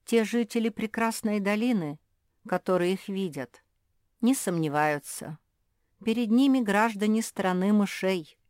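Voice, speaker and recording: A woman voicing a somber male bat who rules the mice, speaking calmly and measuredly in an audiobook. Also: mid-range voice, unhurried, no room sound, studio quality, pitched above the performer's own voice, close to an everyday voice. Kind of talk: audiobook reading.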